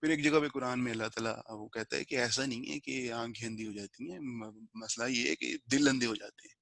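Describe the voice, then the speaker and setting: A man explaining a book of spiritual rules step by step in a relaxed, conversational teaching style, slipping English words into his talk. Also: medium pitch, vocal fry, no echo. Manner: slow measured recitation of a prayer verse. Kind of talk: informal spiritual lesson.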